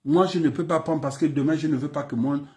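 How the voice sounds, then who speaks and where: A Gabonese man with a Gabonese French accent, working as a political commentator, gives an impassioned political speech full of repeated phrases and rhetorical questions. His warm voice is on the high side, fairly quick, and fairly even in intonation.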